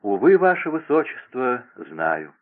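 A man's voice: medium pitch, sing-song, a little slow. Man playing a nervous young court lady, pleading and flustered, tinny radio audio. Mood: anxious. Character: anxious young lady-in-waiting. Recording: tinny phone-like radio broadcast.

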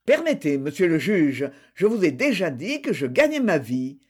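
Man reading a vehement accused suspect, indignant, high pitched, very animated. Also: moderate pace, slightly rough. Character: accused man pleading his innocence.

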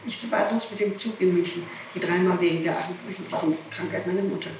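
Her voice is on the low side and her pace quick as she insists on her account under police interrogation, repeating things emphatically. It's an echoey interrogation room, heard through noisy, echoey archival tape from a distant microphone.

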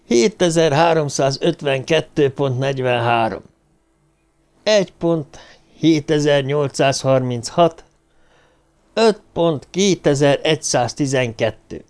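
A defeated, bitter ruler speaks in a strained, hoarse-edged voice, as a male audiobook reader puts him on. He sits at a mid pitch and sounds spiteful and desperate. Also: a little mellow, close to an everyday voice. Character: cornered, bitter male ruler bargaining for revenge. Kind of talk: audiobook character reading.

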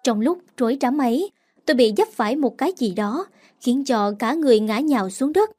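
A woman narrating a first-person dramatic story in a steady storytelling voice. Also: high voice, fairly quick. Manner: steady storytelling, quoted lines acted with emotion.

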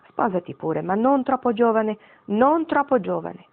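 A woman's voice: fairly high pitch, animated, measured pace, vocal fry, phone-quality sound, full character voice. A woman voicing a very old grandmother, wistful and wry, speaking tenderly to her great-grandchild in a storybook reading.

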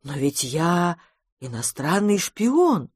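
A kindly foreign spy, flustered and soft-spoken, sighing through his words, as an audiobook reader puts him on. The delivery is mild and hesitant, and the recording dry. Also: medium pitch, very animated, slow pace, slightly rough, no echo, full character voice. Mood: bewildered. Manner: gentle, sighing, unsure. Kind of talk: audiobook character reading.

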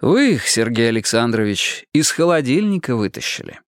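A man voicing a patient police lieutenant who questions a suspect in a formal, measured way. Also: mid-range voice, sing-song, dry recording, studio quality. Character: calm patient male police lieutenant interrogator.

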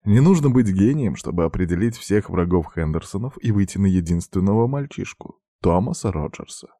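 A man narrating an audiobook with steady storytelling. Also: deep voice, brisk, no room sound, studio quality.

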